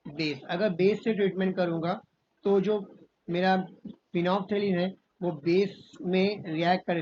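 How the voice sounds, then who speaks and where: A man's voice: sits high, a little mellow. A man teaching a school chemistry class, asking questions and answering them himself, repeating key points and calling students "beta" in a fatherly way. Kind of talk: classroom lesson. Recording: dull lo-fi recording with faint background noise.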